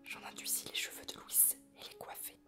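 A woman reads a novel aloud in a soft, breathy ASMR whisper, telling the story slowly, while piano music plays behind her.

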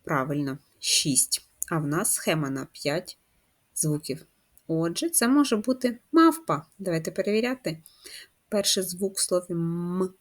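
A woman teacher giving a patient, step-by-step first-grade writing lesson, asking the children questions as she goes. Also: on the low side. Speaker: primary school teacher.

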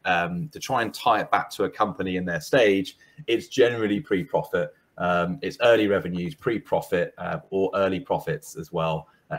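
A man on a panel video call, defining funding stages in a measured way with frequent fillers. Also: low-pitched. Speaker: panelist, investor.

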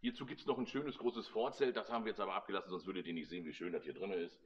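Man, 30s, casual wry tour guide, deep-ish voice, dull lo-fi sound. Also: rapid-fire. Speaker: club member presenting a vehicle collection. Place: large indoor exhibition hall.

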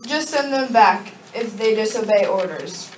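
A woman's voice: medium pitch, a little slow, lightly acted. A young woman voicing a Confederate leader in an amateur sock-puppet show, reciting the lines stiffly. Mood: commanding, grave. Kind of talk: amateur puppet-show role-play, scripted. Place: darkened room with projection screen, puppeteers low at front. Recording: echoey room, distant mic, faint noise.

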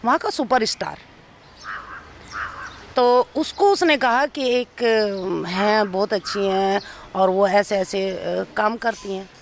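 A woman's voice: mid-range voice, slow, a little hiss or hum. Woman actress telling her story. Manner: recounts events by acting out others' speech. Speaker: actress being interviewed. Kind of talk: emotional personal storytelling in an interview.

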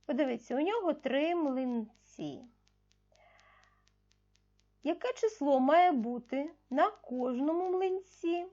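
This recorded lesson features a woman primary teacher whose voice sits high and sounds animated and mellow, though the audio is muffled. Addressing young pupils, she patiently questions them, supplies the answers herself, and leans slowly on key words.

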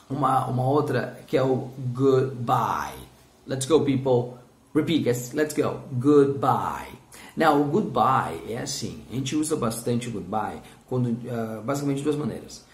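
Professor animado, voz grave e rouca, sala ecoante. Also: male voice, medium pitch, reverberant. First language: Portuguese. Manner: energetic, drills learners with repeat-after-me. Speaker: English teacher. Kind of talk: video English lesson.

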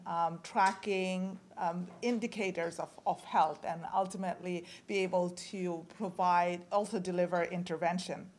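A Bangladeshi woman in her forties delivers an academic talk as a guest lecturer, speaking into a podium microphone in a lecture hall. Her voice is on the low side and her manner casual, full of fillers and restarts, with slight background noise.

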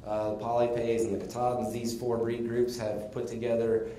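A man from Texas gives a casual conference presentation, explaining things in a relaxed way with the odd chuckle. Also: mid-range voice, normal speed, a little hiss or hum. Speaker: conference speaker on sheep breeding. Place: conference room. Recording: echoey conference room, faint ambience.

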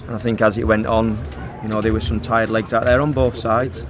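A middle-aged man, a football manager, answering post-match questions in a measured way, full of fillers, interviewed outdoors on a pitch. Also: over music. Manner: measured, even and level, with frequent fillers. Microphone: handheld phone held by interviewer. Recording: outdoor pitch with crowd noise behind. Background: crowd noise.

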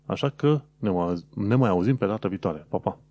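A man's voice: on the low side, animated, dark tone, no echo. A man from Romania hosting his own podcast, explaining practical tips in a casual, conversational way with frequent hesitant fillers. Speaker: podcast host.

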